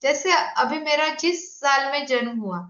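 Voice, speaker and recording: A woman's voice: sits high, unhurried, a bit bright. A woman, a health coach explaining slides in an online presentation and putting questions to her audience. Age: 50s. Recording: echoey, dull lo-fi room sound.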